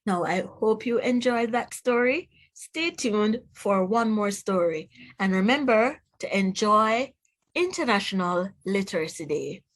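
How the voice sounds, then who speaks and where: In an unhurried, mid-range voice with lively intonation, a Jamaican-accented teacher reads aloud to children for a phonics lesson. She speaks words out clearly to instruct and asks the listener questions.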